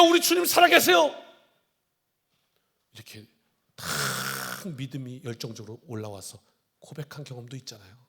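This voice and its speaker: A man's voice: medium pitch, slightly rough. A male pastor preaching a sermon in a church, acting out the lines of the people in his story with changing voices. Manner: animated, acts out dialogue in shifting voices. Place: church sanctuary.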